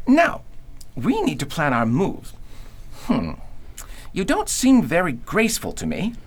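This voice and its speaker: A woman's voice: fairly low pitch, huge pitch swings, unhurried, slightly rough, exaggerated voice. A woman playing a genial, grandly formal scarecrow king in an audio drama. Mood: decisive. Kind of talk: theatrical audio drama acting.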